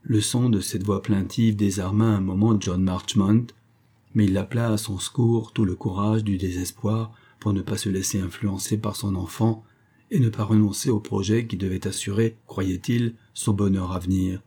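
A man reading a classic novel aloud as audiobook narration, in a measured storytelling manner. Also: fairly low pitch, fairly even intonation, mellow, slightly rough. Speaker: audiobook reader.

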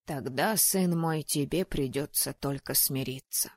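Lady doing a cranky old ghost dad, low and gruff, loud scolding, dry sound. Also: unhurried, no room sound. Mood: mournful. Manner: cantankerous, scolding. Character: grumpy old male ghost, a fussy disapproving father.

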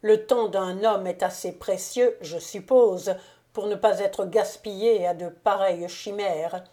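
A woman reading the lines of a proud, sardonic count with bitter scorn, slow and mellow. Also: medium pitch, fairly even intonation, natural voice. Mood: scornful. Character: proud sardonic male count, cold and mocking. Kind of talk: audiobook character reading.

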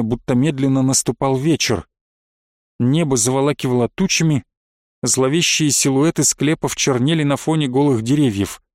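A man narrating a first-person story in a measured, dramatic way. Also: mid-range voice, no room sound, studio quality.

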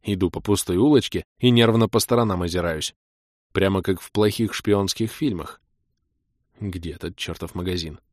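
A man's voice: low-pitched, normal speed, a little mellow, no room sound, studio quality. A young man narrating a first-person audiobook with a wry, self-ironic tone.

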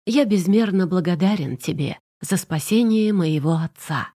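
A woman's voice: lowish voice, expressive, moderate pace, mellow. A woman voicing a commanding, exasperated young emperor in an audiobook, with a reproachful manner. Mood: stern. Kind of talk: audiobook character reading.

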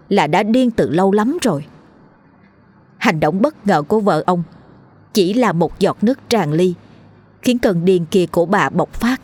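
A woman narrating a horror story in a tense, measured storytelling manner. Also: on the low side, a little mellow, slightly rough. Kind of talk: dramatic audiobook narration. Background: faint music.

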